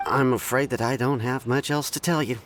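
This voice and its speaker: A man voicing a calm, polite and reserved townsman in a video game. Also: mid-range voice, fairly quick, slight background noise, lightly acted.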